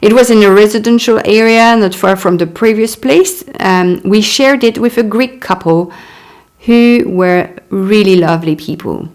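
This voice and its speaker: Reading unhurriedly from her memoir, this author, a woman in her thirties whose native language is French, has a slightly mellow, mid-range voice. She often stops for chatty asides and small laughs.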